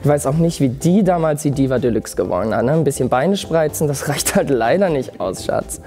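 A man's voice: fairly high pitch, expressive, a little fast. A man performing as a drag queen, gossiping snidely through a comedic roast and tagging his jabs with little asides. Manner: snide, gossipy, tags lines with "ne?". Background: music.

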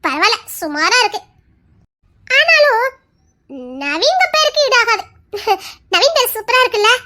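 A woman's voice: extremely high pitch, very animated, measured pace, bright, forceful tone, heavily acted. An actress voicing a frightened but defiant young woman in an audio drama, who stammers and pleads with nervous laughter. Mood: chatty. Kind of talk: Tamil audio drama acting.

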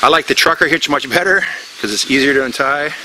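A middle-aged bushcraft instructor demonstrates a knot step by step in a tropical forest, speaking plainly and repeating himself as he goes. His voice is on the high side and quick, with background noise in the recording. It's a casual outdoor knot demonstration.

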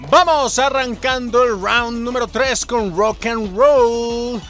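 A young man with a Mexican accent giving excitable live gameplay commentary, swearing and shouting at the game. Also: extremely high pitch, slow, faint music behind. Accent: Mexican Spanish. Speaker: gaming YouTuber.

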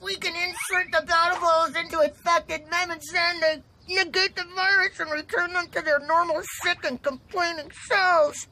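A woman voicing an excitable, panicky teenage boy hero who shouts often. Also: very high-pitched, moderate pace, hardly any pauses, noisy background. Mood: frantic. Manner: frantic, shouty.

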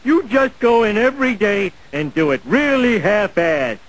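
A man doing a loud grumpy ranter. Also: high-pitched, animated, unhurried, low-quality recording. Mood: ranting.

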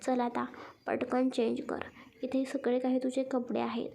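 A woman voicing a patient, caring young man who coaxes and gently scolds. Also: high voice, monotone, a little slow, vocal fry, exaggerated voice. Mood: coaxing.

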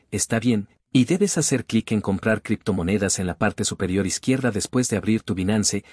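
A tutorial host with a low, slightly husky, darkish voice walks viewers through a screen recording. He's casual, repeats himself, and keeps addressing everyone as "guys." The sound is close and dry with no echo.

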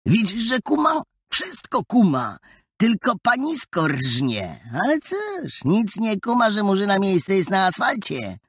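A man voicing a loud, mocking teenage boy bully in an audiobook, with jeering sing-song taunts. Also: high voice, wildly swooping pitch, unhurried, husky, no room sound, studio quality, voice pushed up, heavily acted.

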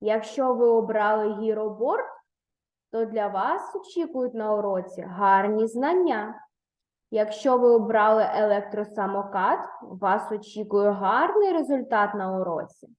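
A woman's voice: a little high, a little mellow. A woman teaching a primary school lesson to young pupils, patient and encouraging, praising answers and prompting the next step. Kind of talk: online lesson for third graders. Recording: roomy echo.

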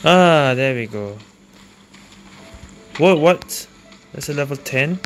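A woman's voice: deep voice, animated, takes it slowly, soft background music. A woman giving casual let's play commentary, often tagging remarks with a questioning eh. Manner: ends remarks with "eh". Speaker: gamer playing and commenting.

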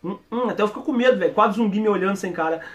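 A man with a Brazilian Portuguese accent giving casual, excitable reaction commentary as an anime YouTuber. He laughs often and talks in slang. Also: sits high.

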